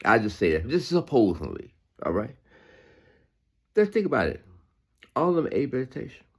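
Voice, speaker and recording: A man reads scripture aloud and adds informal sermon remarks, repeating phrases for emphasis and dropping in conversational asides that seek agreement. His medium-pitched, slightly rough voice is very animated and moves at a moderate pace.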